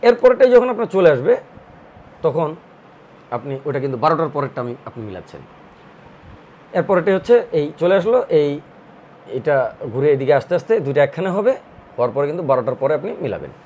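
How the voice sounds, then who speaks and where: A man tutoring math, working through a problem slowly and step by step, thinking aloud as he draws. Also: fairly high pitch, big pitch swings, a little mellow, lo-fi sound, a little hiss or hum. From Bangladesh. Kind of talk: recorded math lesson.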